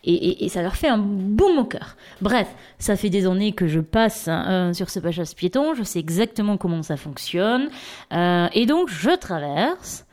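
A woman's voice: mid-range voice, measured pace. Chatty woman telling a story. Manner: chatty, expressive, addresses listeners directly. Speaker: podcaster. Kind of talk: casual spoken anecdote.

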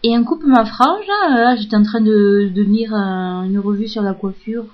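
A woman's voice: mid-range voice, moderate pace. A woman telling a casual story in a frank, profane, self-mocking monologue. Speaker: audio blogger. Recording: dull lo-fi audio.

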